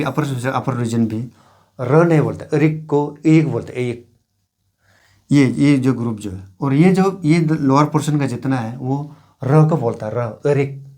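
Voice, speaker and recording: A man's voice: medium pitch, warm tone. Guy from arunachal explaining how words sound, says every example word a few times, easygoing lesson. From Arunachal Pradesh, India. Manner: repeats example words slowly, pointing at regions. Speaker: language teacher.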